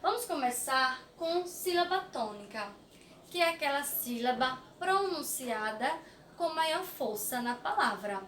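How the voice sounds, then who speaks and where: A young Brazilian teacher speaking to small children in a slow, high, sing-song voice, drawing out her words so each one lands clearly. She sounds a little distant from the mic, in an echoey room. A faint hiss sits under her voice. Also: expressive, a bit bright. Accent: Brazilian Portuguese. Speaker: primary school teacher. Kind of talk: recorded remote class for children.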